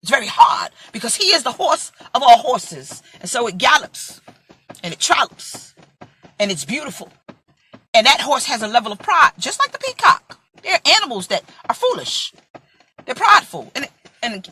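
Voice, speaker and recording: A woman's voice: sits high, big pitch swings, normal speed, bright, forceful tone, a little hiss or hum. A woman in her forties from Brooklyn, preaching in an impassioned, emphatic way and acting out voices in a vlog sermon. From Brooklyn, USA. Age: 40s.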